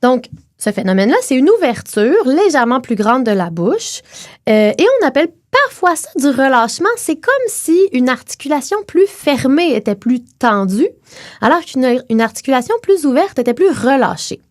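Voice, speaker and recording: Lively Québécois woman explaining phonetics. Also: high-pitched, no echo, studio quality. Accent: Québécois French. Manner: clear teacherly delivery, slows to model sounds. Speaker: podcast co-host explaining phonetics. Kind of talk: explanatory podcast chat.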